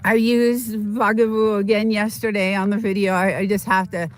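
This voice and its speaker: Out in the desert, a woman livestreams casually, greeting viewers in a halting, rambling way packed with fillers while sniffling from a slight cold. Her voice is mid-range and level.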